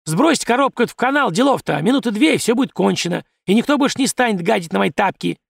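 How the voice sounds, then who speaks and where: A man voicing a loud, coarse, domineering peasant wife who scolds and bosses everyone. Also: lively intonation, quick pace, creaky, no echo, clean studio sound, full character voice. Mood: scolding. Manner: shrill, scolding, bossy.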